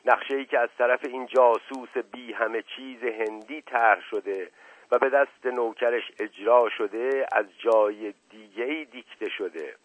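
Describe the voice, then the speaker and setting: A man's voice: mid-range voice, animated, no room sound, close to an everyday voice. A man voicing a proud, paranoid older head of the family who speaks sternly and indignantly, on a tinny radio recording. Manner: stern, indignant, slow and weighty.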